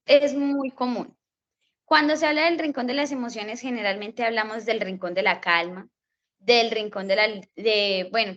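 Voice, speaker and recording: A woman who teaches young children, explaining step by step and often checking in with her listeners, sometimes acting out gentle talk to a child. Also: fairly high pitch, muffled recording. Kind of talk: explanatory talk for a class assignment.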